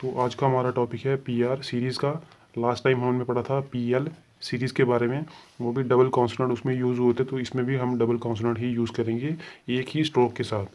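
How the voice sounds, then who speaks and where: A man's voice: mid-range voice, little pitch movement, a little fast, a little mellow. A man teaching a shorthand lesson step by step, patiently sounding out letters and repeating set phrases. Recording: dull lo-fi sound.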